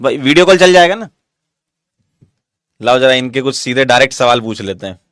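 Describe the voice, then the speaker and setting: A man's voice: mid-range voice, expressive, brisk, a bit bright, dry recording, clean studio sound. A man teaching a class who interviews a guest, encouraging and nodding along with short replies. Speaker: teacher host.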